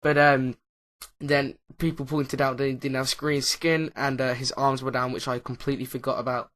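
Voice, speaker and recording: A man with a middle-pitched voice talks casually over his own game footage. He hesitates constantly, filling gaps with uh, um and like. He often loses his thread and restarts a sentence. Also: level tone, normal speed, fairly bright tone. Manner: hesitant, lots of uh and um fillers; rambling, loses track mid-sentence. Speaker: YouTuber, Minecraft Let's Player. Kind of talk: casual commentary over gameplay.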